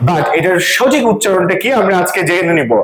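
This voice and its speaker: A woman's voice: fairly low pitch, animated, brisk. A woman teaching English pronunciation to a class, quizzing the students and sounding out syllables one by one. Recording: echoey room with loud crowd noise.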